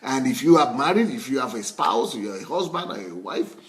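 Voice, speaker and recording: A middle-aged man with a Nigerian accent, preaching in a relaxed, conversational way and often restarting and repeating words. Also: medium pitch, a little fast. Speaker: pastor. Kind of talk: sermon.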